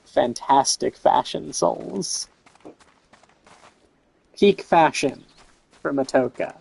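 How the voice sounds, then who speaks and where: A man's voice: on the high side, extremely slow, creaky, a little mellow, husky, poor audio. A man streaming a role-playing game, chatting casually with wry jokes. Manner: wry, joking. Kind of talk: casual gameplay commentary.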